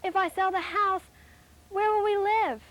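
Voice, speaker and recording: A humble widow of Bible times acted by a woman, in a high-pitched voice. She speaks with earnest pleading, as in a children's audio drama. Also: steady tone, measured pace, a bit bright. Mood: anxious pleading.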